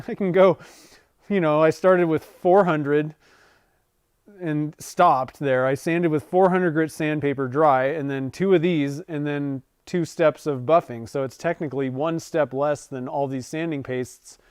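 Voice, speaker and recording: Smooth-voiced man in his forties, rambling. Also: a little high, steady tone, unhurried, dry recording, studio quality. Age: 40s. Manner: rambling, self-correcting, chuckles often. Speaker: livestream host. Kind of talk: casual livestream chat. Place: home workshop.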